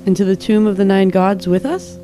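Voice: mid-range voice, level tone, fairly quick, dark tone, a little hiss or hum. A tabletop player asking questions in a hesitant way. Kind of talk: casual tabletop play.

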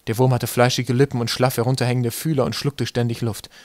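A man reading an audiobook in calm, steady narration. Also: medium pitch, fast, no room sound. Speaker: audiobook reader. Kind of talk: scripted narration.

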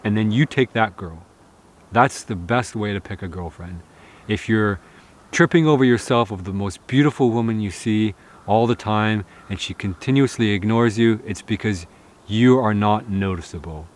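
A man's voice: fairly low pitch, normal speed. A man in his thirties talking earnestly to the camera outdoors in a snowy forest, giving advice with many fillers. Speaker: outdoor vlogger. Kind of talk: casual talk to camera, reading viewer comments. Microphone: camera close in front, seated.

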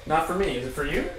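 A young man in his twenties hosting a casual livestream from a home kitchen, relaxed and laughing as he reads viewer messages, heard from a far camera. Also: a little high. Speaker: host. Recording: echoey kitchen from a distance, loud noise.

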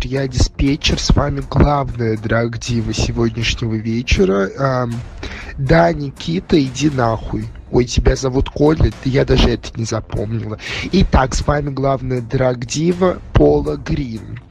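A campy drag queen played by a man presides over a parody vote broadcast. The diva is haughty and dismissive, with a gravelly, creaky voice at middling pitch. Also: unhurried, darkish tone, low-quality recording. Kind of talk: parody contest vote announcement.

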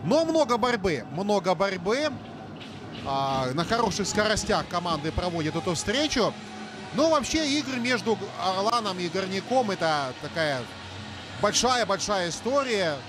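A man's voice: sits high, animated, normal speed, music in the background. A man giving live hockey commentary as the match is played. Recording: clear arena noise behind. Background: noisy ice rink ambience.

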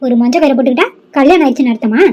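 A jealous young cousin in a cartoon, voiced by a woman, fires off quick, combative scolding. The voice sits high and moves fast. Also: dark tone. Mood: angry, scornful.

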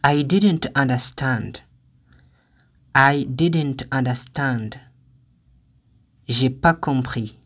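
A language teacher reading short phrases one at a time, saying each twice with careful, deliberate delivery, then giving the translation. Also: mid-range voice. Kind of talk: slow phrase-by-phrase lesson reading.

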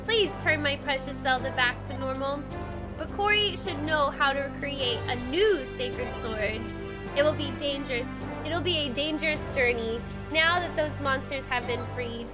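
A woman's voice: high-pitched, normal speed, loud music behind the voice, close to an everyday voice. A woman voicing a grave, earnest old king in a fantasy video game.

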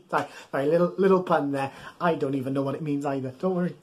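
A man in his thirties reads a bedtime story to young children in a small furnished room at home, playful and exaggerated, coaxing them to join in. He talks fast in a voice on the high side, with a little hiss or hum.

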